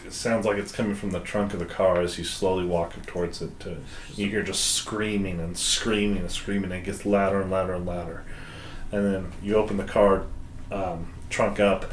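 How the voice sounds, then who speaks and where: A man's voice: deep voice, flat delivery, moderate pace. A man narrating as game master in a tabletop game, laughing often between lines. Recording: echoey room with faint noise.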